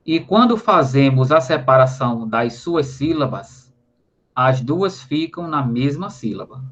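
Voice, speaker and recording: In slightly dull lo-fi audio, a Brazilian teacher explains grammar in a recorded online lesson, his Brazilian Portuguese accent clear. His medium-pitched voice is fairly bright and sing-song, moving at a measured pace. He frequently adds tag questions and spells words out syllable by syllable.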